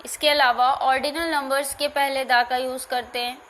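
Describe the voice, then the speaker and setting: A woman teacher explains English grammar in a slow classroom manner, spelling out words and repeating them. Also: high-pitched, level tone, sharp tone, slight background noise. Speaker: school teacher.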